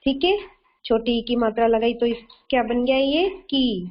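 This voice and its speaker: A woman teaching a kindergarten class online, slow and patient, often repeating herself and quizzing the children. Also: fairly high pitch, lo-fi sound. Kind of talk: online kindergarten Hindi lesson.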